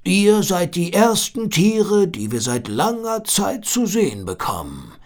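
A man voicing a giant, friendly male seal with a thundering voice, reading a storybook aloud in slow, drawn-out words. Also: sits high, huge pitch swings, a little mellow, voice pushed up, heavily acted. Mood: friendly, curious. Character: huge booming spotted male seal, friendly.

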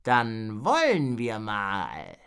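A man voicing a limping old welding dragon in a storybook, talking slowly with drawn-out groans. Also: lowish voice, huge pitch swings, fairly bright tone, clean tone, full character voice. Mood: groaning, slow. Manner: slow, drawn-out groaning speech.

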